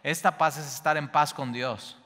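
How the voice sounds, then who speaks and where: Male pastor, emphatic repeating teacher, crisp bright voice echoing in a large hall. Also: a little high, steady tone, normal speed. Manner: repetitive, emphatic, slight stumbles. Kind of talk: Bible study teaching.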